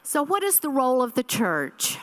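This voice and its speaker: A woman's voice: high-pitched, huge pitch swings, moderate pace, fairly bright tone. A woman in her sixties giving an earnest keynote address at a church conference, speaking from a podium microphone on a hall stage and repeating key phrases.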